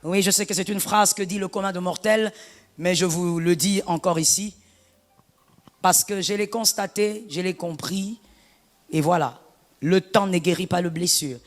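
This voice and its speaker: A woman pastor delivering an animated sermon, her preaching rising to shouts. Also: mid-range voice, normal speed, long reverb tail.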